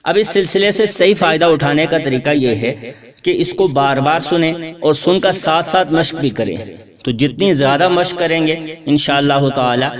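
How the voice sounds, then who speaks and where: A man teaching Quran reading, patiently explaining the pronunciation word by word and chanting verses slowly. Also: a little high, recorded from a distance. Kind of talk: Quran lesson with slow chanted recitation.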